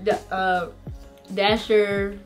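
A woman hosting her vlog, playing a casual trivia game with excitable, giggly guessing. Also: medium pitch, extremely slow, faint music behind. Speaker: vlogger host.

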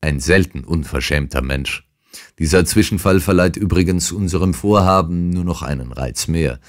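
A man voicing a calm, unshakable detective in an audiobook, speaking with dry irony. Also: sits low, normal speed, lightly acted. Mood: amused, brisk. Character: calm, ironic adult male detective. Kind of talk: audiobook character reading.

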